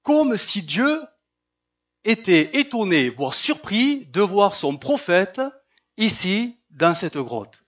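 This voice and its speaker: Male pastor, sermon, high and very lively voice, acts out scripture, slightly muffled recording. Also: slow pace. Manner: animated, acts out Bible voices, rhetorical questions.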